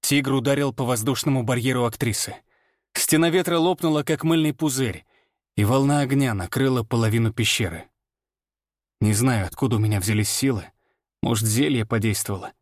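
Male audiobook narrator, measured first-person reading, dry sound. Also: mid-range voice, no room sound.

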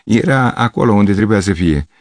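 A man's voice: lowish voice, expressive, no echo, lightly acted. A man reading an audiobook, voicing a fussy, apologetic middle-aged piano teacher who dreams of pure art.

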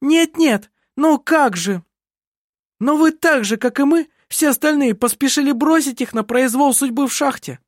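A reader doing a shrill furious young woman. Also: lively intonation, a little fast, no echo, studio quality, natural voice. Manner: shrill, accusing, shouting. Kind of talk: audiobook character voice.

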